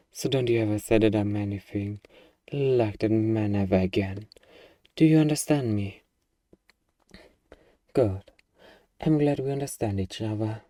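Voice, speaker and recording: Acting the role of a hardened zombie apocalypse survivor for an ASMR audio drama, a speaker with a very dark, muffled, mid-range natural voice sounds sarcastic and swaggering, with a casual, defiant edge. The space is dry with no echo, and the voice sits a little way off and far from the mic, its mood angry and intense, then curt.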